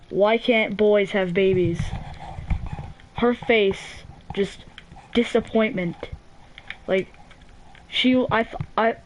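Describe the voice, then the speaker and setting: A woman's voice: fairly high pitch, slight background noise, poor audio. A teenage girl hosting a gaming channel, telling a story in a rambling, casual way full of "like", restarts and swearing.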